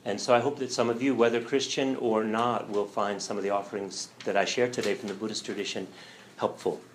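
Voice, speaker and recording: Thoughtful low-voiced man giving a talk. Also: a little hiss or hum, rough recording. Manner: relaxed, thoughtful, with fillers and light humor. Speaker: religion professor giving a guest talk. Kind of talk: lecture to a church audience.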